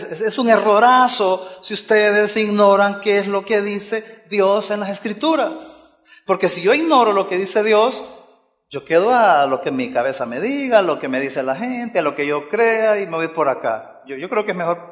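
Man, pastor preaching a sermon, fairly high voice, long hall reverb. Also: lively intonation, a little slow, a bit bright. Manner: conversational preaching with frequent "¿verdad?" asides to the congregation.

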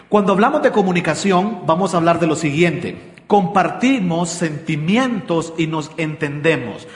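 A man preaches about marriage, asking many questions and speeding up and slowing down as he goes. His voice sits high. It rings through a roomy hall with a long echo. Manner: asks many questions, shifts pace. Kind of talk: church talk on marriage. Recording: echoey hall with long reverb.

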